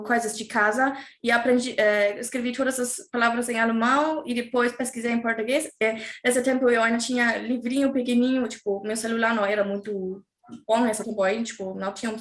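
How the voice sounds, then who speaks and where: A German woman, whose first language is German, chats casually as an interview guest in a language she learned later. Her fairly bright voice sits a little high, and she hesitates often, searching for words and filling gaps. The room sounds echoey.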